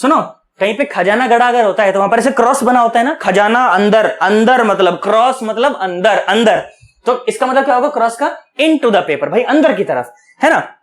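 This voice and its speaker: Male physics tutor with a fairly high voice, folksy classroom patter, quizzes and answers himself. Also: animated. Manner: asks questions and answers them himself, coaxing and chatty; repeats key words slowly for emphasis. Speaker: physics teacher. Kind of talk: online lecture, explaining at a board.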